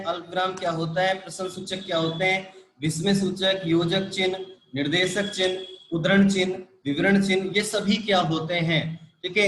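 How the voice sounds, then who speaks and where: A man's voice: high-pitched, a bit bright, roomy sound. A man teaching a live online grammar class, explaining patiently and repeating key points with frequent check-ins. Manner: repetitive, patient explaining with frequent "ठीक है" and "देखो".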